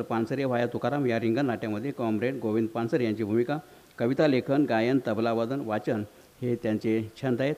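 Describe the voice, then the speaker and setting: A man reads a formal introduction of a guest speaker, listing achievements in a steady way. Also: medium pitch, highs cut off. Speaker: event host introducing the speaker. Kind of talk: formal introduction read from notes.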